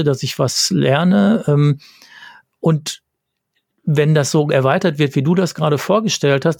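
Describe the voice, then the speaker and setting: Gravelly man speaking in a dry room. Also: on the high side, a little mellow, no echo. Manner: hesitant, restarts sentences, fillers. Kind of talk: casual discussion.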